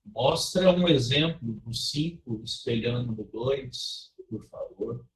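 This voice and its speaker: A man's voice: medium pitch, animated, slow pace, roomy sound, poor audio. Man on choppy, breaking-up call audio. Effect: choppy call audio cutting out. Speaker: student asking a question on a live call. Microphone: remote call mic.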